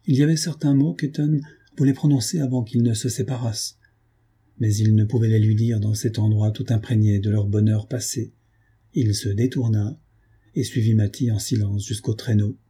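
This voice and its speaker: A man narrating a literary audiobook in a measured, calm storytelling manner. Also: fairly low pitch, breathy edge.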